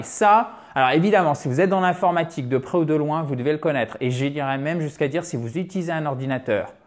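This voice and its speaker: Man, English teacher, chatty online lesson, fairly high voice. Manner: lively, chatty, with asides to viewers.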